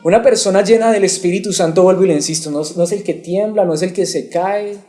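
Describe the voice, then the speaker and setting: Preaching man with a mellow, fairly high voice. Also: quick pace, soft background music. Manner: asks the congregation questions and waits for replies. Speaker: pastor. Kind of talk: expository sermon.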